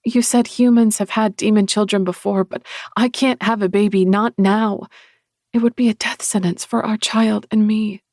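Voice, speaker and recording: A breathy young human woman, wary yet tender, as a male audiobook narrator puts her on. Her voice sits well above his own, soft and earnest, with a gravelly edge underneath. The recording is dry and close. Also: high voice, steady tone, measured pace, dry recording, pitched above the performer's own voice, heavily acted. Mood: pleading. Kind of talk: audiobook character voice.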